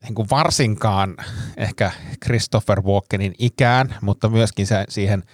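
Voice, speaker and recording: A man with a lowish voice explains an improv scene in a casual tone. He hesitates and restarts his phrases, and the recording is dry and close. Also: dry recording. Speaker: improv comedian.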